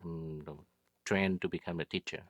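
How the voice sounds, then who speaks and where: A man in his fifties from Vietnam with a Vietnamese accent, answering oral history questions in halting, broken English with many fillers. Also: low-pitched, steady tone, fairly bright tone, no room sound. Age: 50s. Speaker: interviewee.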